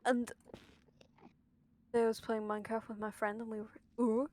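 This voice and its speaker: A woman's voice: fairly high pitch, level tone, moderate pace, a little mellow. A young British woman with a lisp that slushes her s sounds, chatting casually while streaming a game in a rambling, sweary, exclamatory way. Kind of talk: casual chat while gaming.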